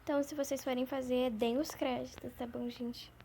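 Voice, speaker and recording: A talkative woman chats her way through a game, rambling and easily excited. Her voice sits high and mellow, with a faint hiss of background noise. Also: normal speed, vocal fry. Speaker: gaming channel host. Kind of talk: gameplay commentary.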